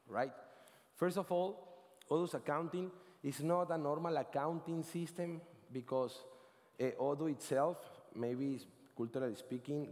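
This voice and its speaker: A man's voice: medium pitch, darkish tone. A man in his thirties from Venezuela with a Venezuelan Spanish accent, giving a casual, rambling conference talk on stage, often correcting himself and adding "right?". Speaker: conference speaker. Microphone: headset. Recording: long hall reverb.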